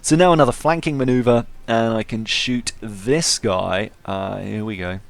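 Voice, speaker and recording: A man's voice: lowish voice, normal speed, gravelly. A hungover man giving casual video game commentary, informal and stumbling over his words as he corrects himself. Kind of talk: casual let's-play commentary.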